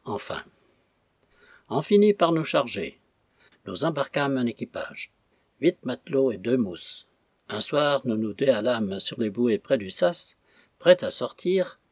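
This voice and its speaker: A man narrating an audiobook in a measured, reflective way. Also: mid-range voice, a little mellow, husky, no echo.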